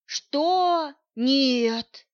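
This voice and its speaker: A woman voicing a brash young male soldier, loud and exclaiming, in an audiobook. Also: high-pitched, drawn-out words, no echo, voice pushed up. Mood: agitated. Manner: shouted, exclaiming lines. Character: tough young male special-forces soldier, brash and panicky. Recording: dull, dry audiobook recording.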